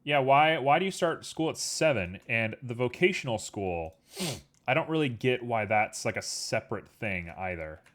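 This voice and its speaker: Modeling in 3D on stream, a man chats in a medium-pitched, slightly bright voice with lively intonation at a moderate pace. Relaxed and wandering, he leans heavily on fillers and sounds a bit sniffly.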